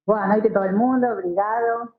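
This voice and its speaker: A woman from Argentina, a native Spanish speaker with an Argentine accent, chats casually as a guest and marketing professional, mixing Portuguese into her Spanish. Her medium-pitched voice is steady and brisk, and the audio sounds reverberant, narrow and tinny.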